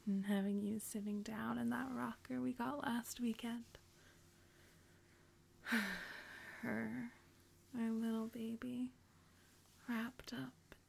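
A young woman in an intimate, whispered roleplay, speaking softly with gentle hums between lines. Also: on the high side, vocal fry, slightly rough. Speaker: roleplaying a pregnant wife.

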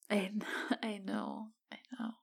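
Husky whispering woman, slow and soft. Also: mid-range voice. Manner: flirtatious, gentle. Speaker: roleplay researcher. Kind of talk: ASMR roleplay.

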